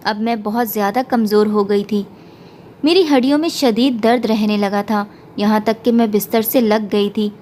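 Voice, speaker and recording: A woman storyteller reading an emotional first-person story in a steady, emotive way. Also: mid-range voice, slight background noise. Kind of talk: scripted story narration.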